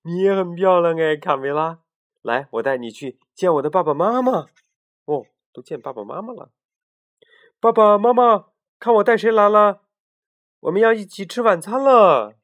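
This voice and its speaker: Dad doing a cheerful young rooster, friendly and proud, raised lively voice, storybook read aloud. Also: male voice, on the high side, moderate pace, dull audio. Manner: cheerful, welcoming. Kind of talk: bedtime storybook reading.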